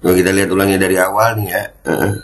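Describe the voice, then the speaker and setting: A man's voice: sits low, level tone, quick pace. A middle-aged man, hosting a casual reaction commentary in a mocking, chatty way with his audience. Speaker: host.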